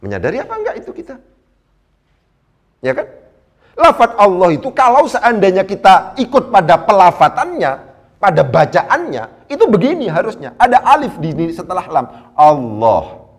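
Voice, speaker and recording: A man teaching Quran Arabic grammar in a lecture, animated, asking his listeners rhetorical questions and reciting verses slowly. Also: sits high.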